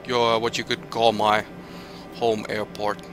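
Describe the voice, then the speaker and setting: A Finnish man streams a flight simulator from Finland, thinking aloud as live gameplay commentary and reading weather and route figures with hesitant restarts. His voice is fairly low and completely flat, the pace slow, with a noisy background.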